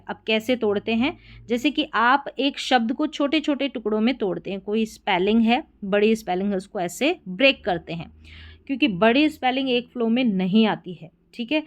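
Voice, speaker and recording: Woman teacher, patient, repetitive, slightly high voice, spelling lesson. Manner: patient, repeats points and checks with "theek hai". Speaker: English teacher. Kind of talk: explaining spelling rules in a lesson.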